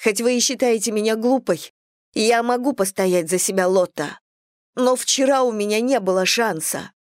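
Voicing a young princess who is tearful and defiant, a woman sounds tearful and accusing, using a natural voice pitched above her own. Her pitch is fairly high and her pace moderate, captured in a clean studio with no room sound.

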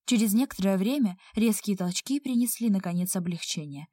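A woman narrating a first-person audiobook in a steady, intimate reading. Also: medium pitch, fairly quick, dry recording, studio quality.

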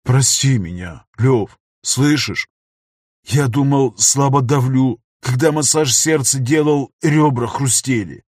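A man with a husky voice voicing a grieving old man who murmurs slowly through tears. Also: mid-range voice, a little mellow, no room sound, studio quality. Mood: tearful. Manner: slow, tearful murmuring. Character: grieving old man, the professor's loyal friend.

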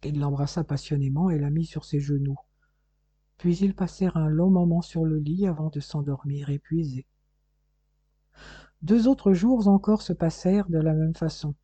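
A man narrating an audiobook in a calm, measured storytelling manner. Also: a little high, husky, dry recording. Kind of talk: scripted narration.

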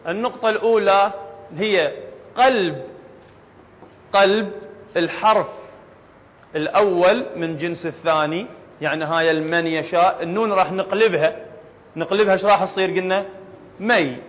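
A man with an Iraqi accent teaches a class, regularly asking his students whether they follow and going back over each point. His voice sits high. The reverberant hall and dull, lo-fi recording soften every word. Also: moderate pace, long pauses. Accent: Iraqi Arabic. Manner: questioning students, repeating points patiently. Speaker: Quran recitation teacher.

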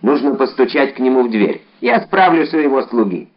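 A man voicing a secretive, cautious stranger in an audiobook, asking low, guarded questions. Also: big pitch swings, fairly quick, slightly rough, muffled recording.

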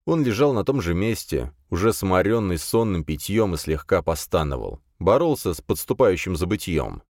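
A man narrating an audiobook in an expressive storytelling manner. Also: deep voice, normal speed, dry recording, studio quality. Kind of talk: scripted narration.

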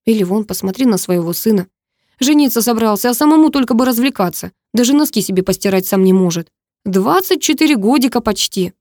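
A woman's voice: a little high, expressive, a little fast, a little mellow, no echo, studio quality. A woman voicing an anxious middle-aged mother who pleads with her family, in a novel reading. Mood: soothing. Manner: pleading, tearful emphasis.

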